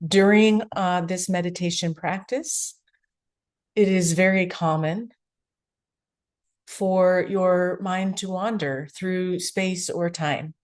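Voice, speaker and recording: A woman leads a guided meditation, offering gentle, unhurried instructions separated by long pauses. Her voice is lowish and her tone stays steady.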